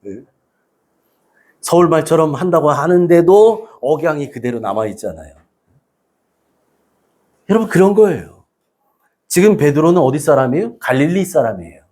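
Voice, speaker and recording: A man's voice: fairly high pitch, very animated, moderate pace, long pauses, darkish tone. A man pastor preaching a Sunday sermon, emphatic, prodding the congregation with rhetorical questions.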